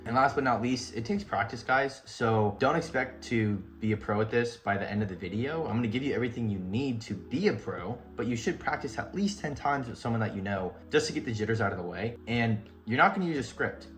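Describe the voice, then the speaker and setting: A man's voice: mid-range voice, animated, brisk, few pauses, fairly bright tone, faint music behind. A young man giving direct, casual job search advice to viewers in an upbeat tone. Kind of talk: instructional video talk.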